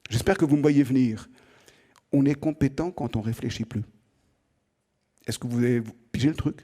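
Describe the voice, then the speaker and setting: Speaking at normal speed with a medium-pitched, mellow voice, a middle-aged French man delivers an animated opening lecture to students. His manner is conversational, full of questions aimed at the audience and words repeated as he gathers his thoughts.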